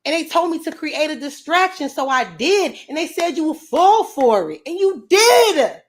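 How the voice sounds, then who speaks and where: Woman streamer with a high voice: brash, profane, confrontational, casual live chat. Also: big pitch swings, normal speed. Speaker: livestream host.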